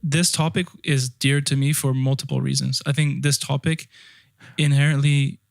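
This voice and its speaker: A man's voice: mid-range voice, little pitch movement, moderate pace, vocal fry, no echo, studio quality. A young man who grew up in France, co-hosting a podcast, talking things through with thoughtful restarts. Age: young adult. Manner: thoughtful, restarts phrases while explaining. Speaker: podcast co-host. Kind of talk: casual discussion.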